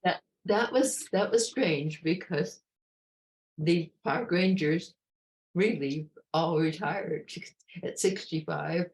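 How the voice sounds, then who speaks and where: A very old woman, about a hundred, recalling her life in an interview in a halting way, repeating words and restarting sentences. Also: lowish voice, darkish tone. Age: about 101, very old. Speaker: interview guest, retired park ranger. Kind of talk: reflective personal interview.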